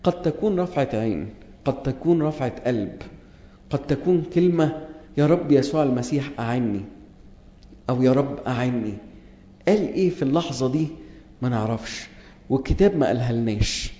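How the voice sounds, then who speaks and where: A man preaching a sermon with an Egyptian Arabic accent, earnest, reading scripture aloud and then restating it plainly, repeating key phrases slowly for emphasis. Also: mid-range voice, lively intonation, mellow, roomy sound, in a large hall, highs cut off.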